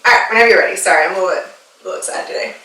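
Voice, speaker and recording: A bright-voiced woman guides a yoga class with upbeat, playful cues and frequent laughter. She sounds a little out of breath as she moves along with the class. Her voice rings in a roomy, echoey space, a little away from the mic. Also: medium pitch, rapid-fire. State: slightly out of breath from exercising. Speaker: yoga instructor and personal trainer. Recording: echoey room, voice a bit far from the mic.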